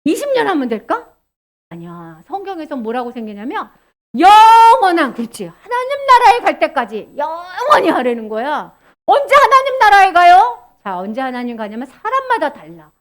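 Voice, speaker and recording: A woman preaches to children in a very high voice. Her pitch swings up and down with animated, sing-song energy. She keeps asking the children questions as she teaches. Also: moderate pace. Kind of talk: children's sermon.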